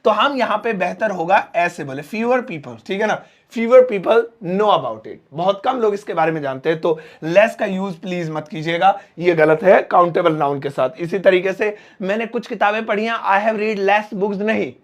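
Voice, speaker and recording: High-voiced Indian man teaching English. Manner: explains slowly, spelling out English example sentences word by word. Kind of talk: spoken English lesson.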